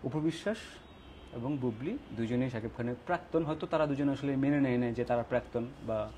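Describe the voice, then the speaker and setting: A talk show host asking quick, probing follow-up questions in a casual interview. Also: mid-range voice, dark tone, slight background noise.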